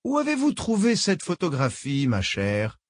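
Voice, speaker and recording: A man voicing a sinister old woman who speaks in a soft, honeyed, menacing way. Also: fairly high pitch, huge pitch swings, normal speed, no room sound, studio quality, pitched above the performer's own voice. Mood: falsely sweet. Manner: honeyed, menacing, repeats "ma chère".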